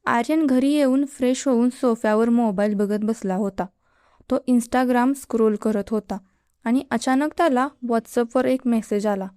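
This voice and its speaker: A woman narrating a romance story in a calm, measured storytelling manner. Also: a little high, clean tone, no echo, clean studio sound.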